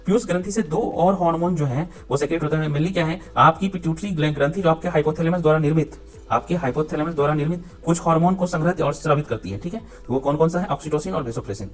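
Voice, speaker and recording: Guy teaching biology for exams, quick and a bit high-pitched, keeps repeating stuff and checking everyone's with him, soft music behind. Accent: Hindi mixed with English terms. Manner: repeats points, ends phrases with frequent checks for understanding. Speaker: exam-prep teacher. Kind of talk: explaining biology lesson for exam students.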